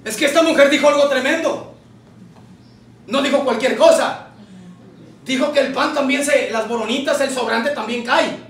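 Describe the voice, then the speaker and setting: Male pastor, fervent shouting sermon, high voice, heavy church echo. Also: moderate pace, pauses often. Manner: fervent, shouting, calls out to the congregation. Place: church hall. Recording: echoey church from far off.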